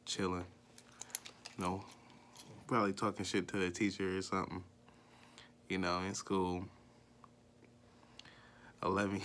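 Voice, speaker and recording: A young man with a fairly low voice tells a personal story straight to the camera. His delivery is casual and profane, full of fillers. He gets higher and louder as the story heats up. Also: a little hiss or hum. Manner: loose and profane, with many fillers; voice climbs higher and louder when worked up. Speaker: vlogger.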